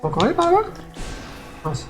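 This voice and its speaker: A man giving let's play commentary, excitable, yelping and talking back to the game as he plays. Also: very high-pitched, normal speed, soft background music. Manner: excitable, yelps and talks to the game. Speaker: gaming streamer.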